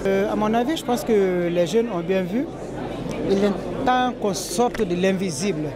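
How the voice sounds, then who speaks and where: A woman's voice: medium pitch, measured pace. A middle-aged woman giving an earnest, slightly hesitant interview answer in a busy hall. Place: busy indoor exhibition hall. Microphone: handheld interview mic. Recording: loud crowd chatter.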